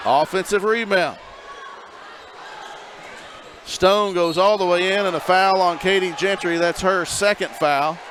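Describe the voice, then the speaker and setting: A man, calling high school basketball play-by-play from courtside, with quick, wry asides between plays. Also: a bit bright, a little hiss or hum. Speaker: play-by-play announcer. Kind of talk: basketball commentary.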